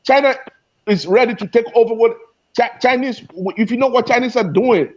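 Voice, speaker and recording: A man's voice: very high voice, fairly quick, muffled recording. A man debating heatedly in an online discussion, often repeating and restarting his phrases. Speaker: guest speaker in an online discussion.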